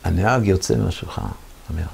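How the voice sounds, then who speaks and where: A man in his seventies tells his wartime memories in an interview. His low voice is rough and gravelly. He tells it vividly and mimics the people he quotes. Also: darkish tone, slight background noise. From Israel. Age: 70s. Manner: vivid storytelling that acts out the voices of others. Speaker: war veteran interviewee. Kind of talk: recounting war memories in an interview.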